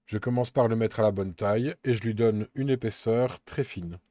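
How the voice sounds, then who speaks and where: Calm man narrating a software tutorial. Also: on the low side, moderate pace, no echo, clean studio sound. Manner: calm, methodical step-by-step explaining with occasional fillers. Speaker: Blender tutorial instructor.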